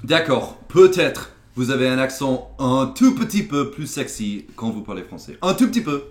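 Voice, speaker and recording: A man's voice: mid-range voice, sing-song, moderate pace. A man with an American accent, a native English speaker, hosting a comedy sketch with teasing, mock-indignant banter. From United States. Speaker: host. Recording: echoey room.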